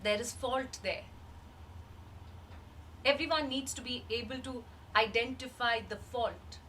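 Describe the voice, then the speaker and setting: A woman playing a grieving, wistful woman in a rehearsed reading of a dramatic monologue, measured and halting with long pauses. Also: fairly high pitch, fairly bright tone. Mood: pained, searching. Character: grieving woman recalling a dead loved one, wistful and searching. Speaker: actor in a rehearsed reading of a play. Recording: distant microphone, faint background noise.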